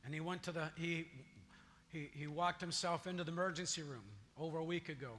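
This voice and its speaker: A male pastor preaching a sermon, building up to forceful declarations in a church. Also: a little high, fairly even intonation, brisk, a little hiss or hum. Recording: long church reverb, faint music.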